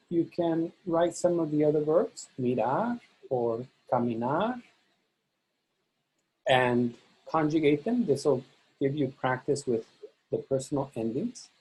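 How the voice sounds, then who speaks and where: A man's voice: a little high, lively intonation, takes it slowly, dark tone, breathy edge, low-quality recording. A man teaching a recorded lesson, patiently modeling words for listeners to repeat. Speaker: Spanish teacher.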